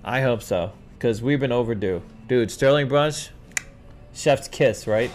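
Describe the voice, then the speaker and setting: With faint music in the background, a middle-aged man from New York City speaks at a measured pace in a mid-range voice. He's the host of a casual livestream chat, taking viewer questions and rambling through animated stories while calling everybody "dude."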